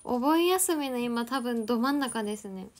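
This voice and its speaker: A young woman hosting a casual livestream from her family home, chatting with viewers and cooing gently at her dogs. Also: on the high side, lively intonation, moderate pace. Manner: chatty, reads out viewer comments and coos softly at her dogs. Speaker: livestream host.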